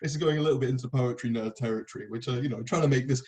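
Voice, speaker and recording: A man's voice: mid-range voice, racing, warm tone. A young man hosting a casual chat about poetry. He rambles enthusiastically and swears casually. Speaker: podcast host. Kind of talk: casual conversation.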